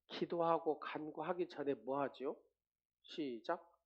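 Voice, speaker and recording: A man preaching a sermon as pastor. He calls out questions to the congregation and swings from loud exclamations to hushed, whispered asides. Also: on the high side, slow pace, highs cut off.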